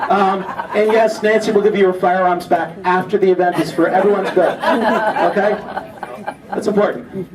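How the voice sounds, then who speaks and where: Heard from a distance in a reverberant hall, this man's high voice stays fairly even and moves at a moderate pace over a loud crowd. He's an auctioneer and event emcee cracking jokes and ribbing the audience in an improvised opening monologue.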